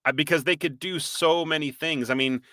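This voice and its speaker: A man with a Boston accent co-hosting a live-stream podcast, chatty and animated, reading out viewer comments and quizzing his co-host. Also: a little high, moderate pace, dry recording. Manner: animated, reads out viewer comments, laughs often. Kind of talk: casual live-stream chat.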